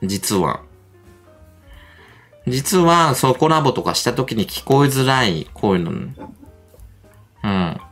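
A middle-aged man livestreaming casual chat, gossipy and quick to laugh. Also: mid-range voice, faint music behind. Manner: animated, gossipy, laughs often.

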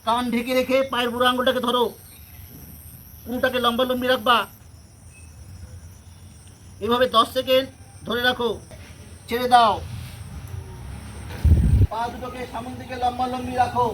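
A woman's voice: a little high, completely flat delivery, normal speed, long pauses, fairly bright tone, low-quality recording. A woman yoga teacher, leading a class of schoolchildren and giving step-by-step commands and counting aloud.

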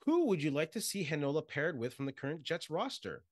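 A man co-hosting a casual sports podcast, bluntly firing quick questions at his partner. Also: on the high side, big pitch swings. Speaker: podcast co-host.

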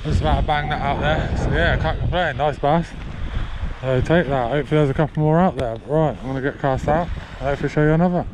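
A man's voice: fairly high pitch, fast talker. Chatty man in roaring wind. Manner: rambling and chatty, repeats "but yeah" a lot. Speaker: angler vlogger. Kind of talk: casual outdoor vlog. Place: outdoors on a sea wall by the shore. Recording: loud wind noise outdoors. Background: wind and water.

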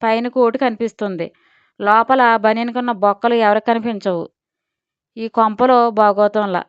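A man's voice: high voice, steady tone, moderate pace, clear, resonant tone, dry recording, lightly acted. A woman voicing a vain, blustering middle-aged rich father who grumbles and scolds, in a Telugu audio story. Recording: dull lo-fi audio.

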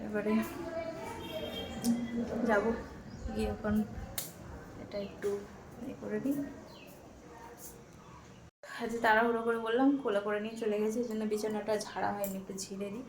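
A woman's voice: medium pitch, little pitch movement, moderate pace, long pauses, noisy background. A woman chatting casually in a home vlog, speaking to viewers as friends and guiding a small child as she picks vegetables in the garden. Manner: instructs a small child while picking vegetables. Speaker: home vlogger. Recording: background music over the voice.

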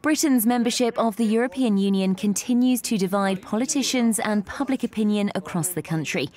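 A woman news reporter giving scripted narration in a measured, clear delivery. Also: mid-range voice, darkish tone.

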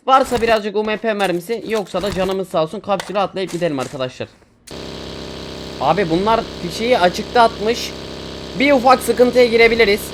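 A man's voice: high voice, a little hiss or hum. A young man commentating his own mobile shooter gameplay, casual and joking, talking to viewers and bursting out in fights. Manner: bursts into loud excitement in fights. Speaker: gaming streamer. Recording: game gunfire loud behind. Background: gunshots and game sounds.

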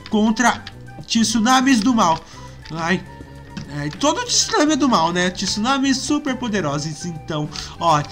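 A young Brazilian man with a Brazilian Portuguese accent commenting on his Minecraft game, excitable and panicky. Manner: excitable, panicky exclamations, high-pitched. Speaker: gaming YouTuber.

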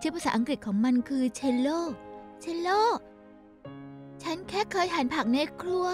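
A woman dubbing young women of a household in a TV drama, speaking in a soft, earnest, pleading way. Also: sits high, expressive, normal speed, soft background music. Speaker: Thai dub voice actress. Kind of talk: dubbed TV drama dialogue.

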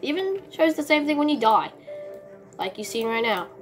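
Excitable woman with a slightly high voice, chatty rambling game commentary over soft background music. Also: normal speed. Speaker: gaming video creator. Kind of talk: casual gameplay commentary.

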